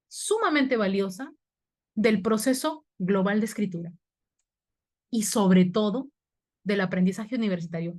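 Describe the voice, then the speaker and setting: A woman's voice: medium pitch, a little mellow. A woman teaching a university writing class in an online webinar, explaining step by step and asking her students questions. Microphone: webinar computer mic.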